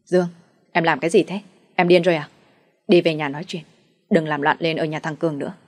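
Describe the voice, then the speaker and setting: A woman's voice: deep voice, level tone, fast. A woman voicing a remorseful young husband who begs his wife's forgiveness. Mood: scolding. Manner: pleading.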